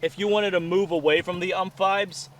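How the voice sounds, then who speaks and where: A man's voice: high-pitched, steady tone, normal speed. A man hosting a casual firearms review, talking outdoors at a range. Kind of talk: casual chat, gun review. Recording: distant mic, faint outdoor noise.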